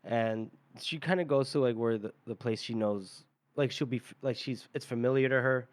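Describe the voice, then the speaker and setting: A podcast co-host, a man, walks through a book chapter in a loose, rambling way, laughing between lines. His voice sits at a typical middle pitch. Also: normal speed. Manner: rambling recap with fillers and chuckles. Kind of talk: casual book discussion.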